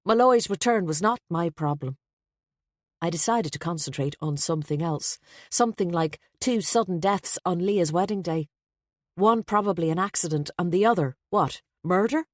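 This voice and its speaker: A woman's voice: lowish voice, expressive, normal speed, no room sound, clean studio sound. A woman narrating a mystery audiobook in the first person, wry and introspective.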